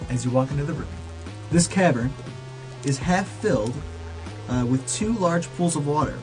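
A man narrating as game master of a tabletop role-playing game, describing scenes in a relaxed, chatty way and laughing easily. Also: fairly high pitch, moderate pace, low-quality recording. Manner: relaxed, laughs often, restarts phrases. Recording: music clearly behind the voice.

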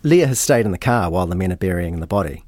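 A man narrating a true-crime podcast in a measured, matter-of-fact way, with dry asides. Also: deep voice, lively intonation, darkish tone, no room sound.

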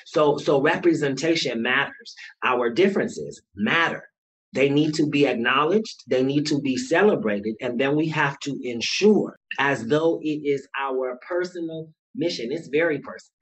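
A man's voice: medium pitch, moderate pace, a bit bright, husky, poor audio. A man who runs a nonprofit and is running for school board, speaking earnestly and building to emphatic points in a casual panel chat beside a fireplace. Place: indoor room beside a fireplace.

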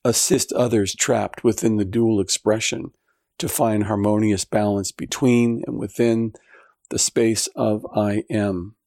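A man reading an audiobook, voicing a solemn divine voice that issues commands in a measured, unhurried way. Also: fairly low pitch, steady tone, creaky, a little mellow, no echo, clean studio sound. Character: solemn divine voice issuing commands, genderless spirit.

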